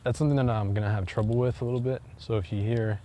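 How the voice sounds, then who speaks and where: A man's voice: medium pitch, steady tone, very fast. A man vlogging outdoors on a walk, talking in a rambling, hesitant way full of fillers and restarts. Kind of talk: casual chat while walking. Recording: loud wind noise on the mic.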